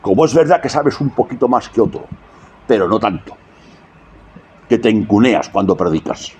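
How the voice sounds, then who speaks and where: A man's voice: on the low side, big pitch swings, moderate pace, darkish tone, slight background noise. A man preaching a sermon, often asking the congregation rhetorical questions.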